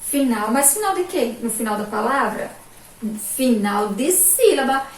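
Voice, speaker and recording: This teacher, a woman with a Sergipe Brazilian Portuguese accent, leads a remote school lesson for kids in a slightly high voice with lively intonation. She stretches her syllables slowly and emphatically, peppering her speech with "ó" and "olha aqui", while the echoey room is captured from far off over faint background noise.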